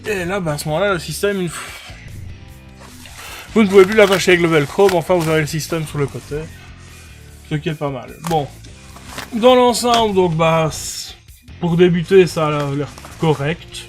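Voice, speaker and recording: A man walks through a budget tactical vest in a relaxed review. His voice sits on the higher side, and he hesitates often, circling back with fillers. Soft music plays faintly underneath. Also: moderate pace, pauses often. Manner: hesitant, many fillers and restarts. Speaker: airsoft gear reviewer. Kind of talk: casual product review.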